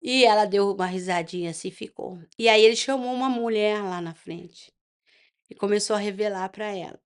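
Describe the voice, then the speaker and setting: A woman's voice: medium pitch, moderate pace, clean tone. A middle-aged woman with a Brazilian accent, from Brazil, telling her personal testimony as an interview guest and acting out the dialogue in her story. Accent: Brazilian Portuguese.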